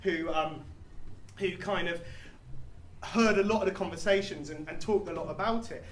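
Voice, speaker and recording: A man's voice: high voice, moderate pace, roomy sound, slight background noise. A man telling a story on a comedy stage in a rambling, self-deprecating way, with many fillers. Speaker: comedy musician.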